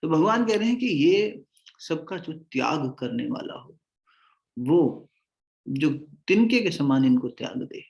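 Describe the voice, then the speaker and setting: Male spiritual teacher: mellow, conversational devotional discourse with slow chanted verses, echoey room. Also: on the high side, expressive, vocal fry.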